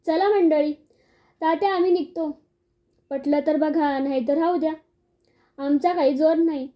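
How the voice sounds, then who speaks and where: Storybook figure: impatient village man, curt brisk delivery, high voice, lo-fi sound, read by a woman. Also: steady tone. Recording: dull lo-fi recording.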